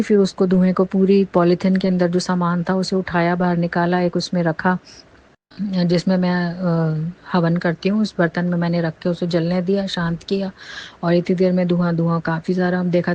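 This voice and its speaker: Middle-aged woman, devotee giving a personal testimony; low, flat delivery, mellow tone, earnest and rambling. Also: muffled recording. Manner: earnest, rambling storytelling with many restarts.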